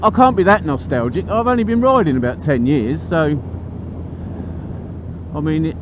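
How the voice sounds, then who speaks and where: A man's voice: fairly high pitch, lively intonation, moderate pace. A middle-aged man, rambling casually and thoughtfully as he vlogs from a moving motorcycle. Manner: musing, chatty, colloquial. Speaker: motorcycle vlogger. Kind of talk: casual rambling commentary while riding. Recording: loud engine and road noise. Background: engine, traffic and road noise.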